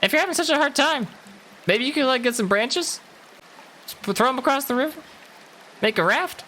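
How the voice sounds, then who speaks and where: A man voicing a grumpy, selfish little blue bird that talks high and snippy. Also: animated, normal speed, bright, forceful tone, a little hiss or hum, heavily acted. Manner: snippy, dismissive.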